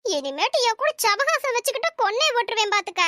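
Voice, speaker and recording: A woman voicing a bossy, quick-tempered old auntie in an animated comedy, scolding and bickering with sarcastic jabs. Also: extremely high pitch, a little hiss or hum, heavily acted.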